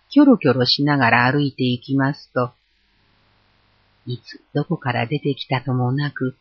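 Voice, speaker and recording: A storyteller reading a folk tale aloud with an expressive, varied delivery. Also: medium pitch, husky, dry recording. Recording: dull lo-fi recording.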